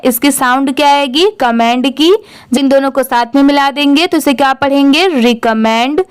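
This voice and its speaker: A high-pitched woman teacher walks through words one letter at a time, then sounds them out. She asks her own questions and answers them. Example sentences come very slowly and deliberately. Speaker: English reading teacher. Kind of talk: Hindi-language phonics lesson.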